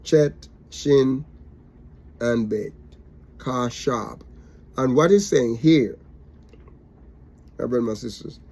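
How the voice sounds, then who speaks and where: A man's voice: mid-range voice, slow pace, gravelly, pauses often, mellow. A man teaching a Bible study, repetitive and emphatic, with many fillers.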